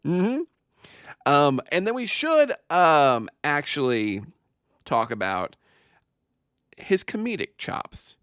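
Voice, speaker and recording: A man's voice: fairly high pitch, very animated, slow pace, pauses often, a bit bright, smooth, dry recording, studio quality. A male comedian chatting casually as a podcast guest, joking and laughing often.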